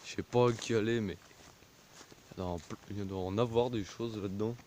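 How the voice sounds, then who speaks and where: A man's voice: on the low side, steady tone, fairly quick, a little mellow. A man vlogging while walking a country path, talking into a phone on a pole, hesitant and full of fillers. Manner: hesitant, full of fillers and trailing "voilà, hein". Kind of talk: rambling outdoor vlog. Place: outdoors on a country path in a village. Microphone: phone on a pole held while walking. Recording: faint rural outdoor noise.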